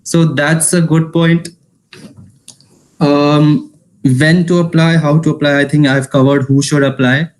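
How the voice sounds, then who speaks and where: A man in his twenties with an Indian accent gives an informal online talk as an alumnus. He speaks quickly, slips Hindi phrases into his English and often restarts his sentences. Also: a little high, level tone, poor audio. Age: 20s. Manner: fast talker, mixes Hindi into English, frequent restarts. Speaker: alumnus giving a career talk. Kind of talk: informal online info session.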